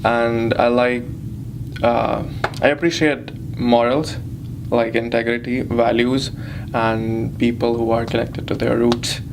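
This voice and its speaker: A man in his twenties being interviewed in an elevator, speaking thoughtfully with many pauses. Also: mid-range voice, level tone, background noise. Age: 20s. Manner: thoughtful, hesitant, reflective. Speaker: interviewee, doctor. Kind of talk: casual conversation.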